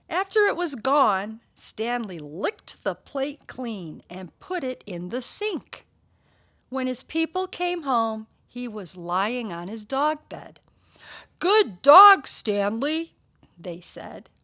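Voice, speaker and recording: Reading a children's picture book out loud, a woman uses a medium-pitched voice and a deliberate, emphatic, expressive storytelling style.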